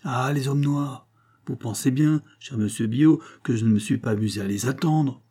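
A man's voice: mid-range voice, moderate pace, mellow, breathy edge. A man reading aloud as a naive young peasant lad who talks in an earnest, pleading way. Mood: eager.

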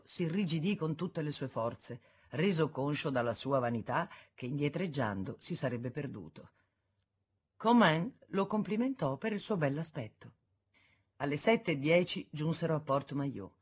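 A woman reading a classic novel aloud as an audiobook, in a measured, expressive narration. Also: low-pitched, slightly rough. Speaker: audiobook reader. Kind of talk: scripted literary narration.

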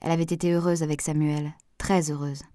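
In clean studio sound with no echo, a woman with a low-pitched voice reads an audiobook. Her scripted narration has a measured, even storytelling manner.

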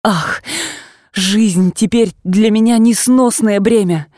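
A woman reader voicing a remorseful young wife who pleads slowly and tearfully with her husband, rising into high cries. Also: darkish tone, dry recording, studio quality, lightly acted. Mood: desperate. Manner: imploring, slow, breaking into high tearful cries.

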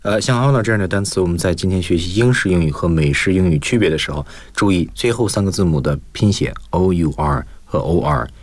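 A man's voice: deep voice, expressive, quick pace, few pauses, dry recording. A man teaching English on a radio lesson, explaining words step by step and mixing in English terms.

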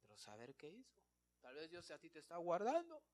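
A man's voice: fairly high pitch, huge pitch swings, brisk. Emphatic preacher man. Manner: emphatic, keeps calling listeners brother; swings between loud declarations and quiet asides. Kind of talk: evangelical sermon.

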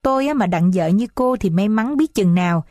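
A woman's voice: mid-range voice, lively intonation, a little fast, warm tone, dry recording, clean studio sound, natural voice. A woman voicing a humble, principled poor young man in a read-aloud story, speaking earnestly and formally. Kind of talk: audiobook character reading.

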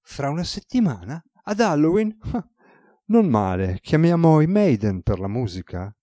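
A man's voice: on the low side, sing-song, a little slow, mellow, dry recording. A man voicing a cheeky male friend who jokes and teases. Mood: teasing. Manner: teasing, laughing.

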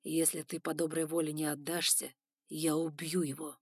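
A woman reading an audiobook, voicing a domineering male spider lord who talks in a loud, commanding, menacing way. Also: sits low, flat delivery, normal speed, slightly rough, no room sound, studio quality.

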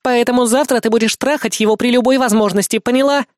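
A man's voice: extremely high pitch, steady tone, quick pace, no room sound, clean studio sound, voice pushed up. A man voicing a spoiled, capricious young female devil-elf in an audiobook, with a whiny, squealing, bossy manner. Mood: commanding.

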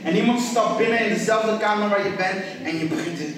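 A man's voice: high-pitched, fast, a crowd in the background. A man preaching a sermon, urging his congregation on and repeating phrases for emphasis. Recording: echoey hall, distant mic, congregation audible.

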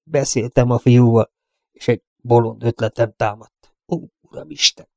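A man voicing an aging male cowboy guardian, guilt-ridden and fearful, speaking haltingly and often hushed. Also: medium pitch, steady tone, no room sound, clean studio sound, lightly acted. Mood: shaken.

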